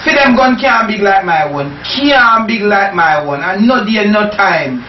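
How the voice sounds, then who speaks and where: A man acting as a brash street gangster with a high voice and a Caribbean accent. He boasts in repetitive slang, as in a homemade comedy skit. The sound is distant and echoey, picked up in a bedroom. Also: animated, a little slow. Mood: boastful. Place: small tiled bedroom. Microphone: camera microphone across the room. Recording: roomy, dull, noisy distant camera audio.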